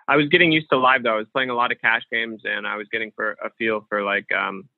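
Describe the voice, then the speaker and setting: Man, poker pro guest, halting speech full of fillers, thin phone-line sound, dry. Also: fairly low pitch, steady tone, dry recording. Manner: thinks aloud with frequent fillers and restarts. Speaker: guest, professional poker player. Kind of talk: casual interview conversation. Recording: dry, phone-like remote call audio.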